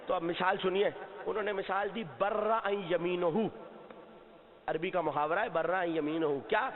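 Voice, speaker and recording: A Shia cleric delivers an impassioned majlis sermon to a seated gathering in a mosque or hall, his high-pitched voice steady in tone but rising to shouts at key moments. He asks the audience questions and answers them himself, and the recording has long reverb and tinny, phone-like sound.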